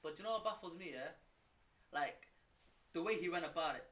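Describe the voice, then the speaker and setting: Young guy, high voice, walks through a story, keeps saying yeah?. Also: animated, brisk, fairly bright tone, a little hiss or hum. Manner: explains stories step by step, checks in with "yeah?". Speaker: podcast co-host. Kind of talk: casual chat.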